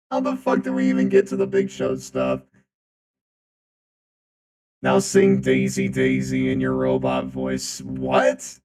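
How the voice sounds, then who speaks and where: A male streamer whose voice runs through a booming, deep, metallic robot voice changer, rambling and repeating phrases in casual chat. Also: big pitch swings, takes it slowly, pauses often, darkish tone.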